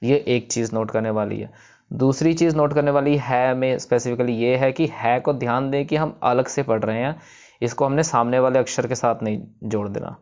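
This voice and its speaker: A man teaching the pronunciation of a prayer text, patiently explaining and demonstrating words slowly syllable by syllable. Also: medium pitch, fairly even intonation, darkish tone. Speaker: recitation teacher.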